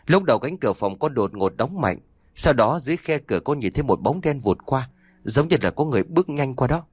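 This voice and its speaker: A man's voice: mid-range voice, lively intonation, brisk, husky, no echo, clean studio sound. A man voicing a frightened young daughter who pleads with her father about a haunted house. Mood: pleading. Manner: pleading, insistent.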